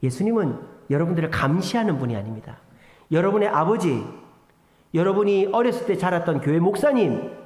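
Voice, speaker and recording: Emphatic male pastor in an echoing church. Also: sits high. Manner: emphatic, swinging between loud exhortation and hushed asides. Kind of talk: sermon. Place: church sanctuary. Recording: echoey church hall with long reverb.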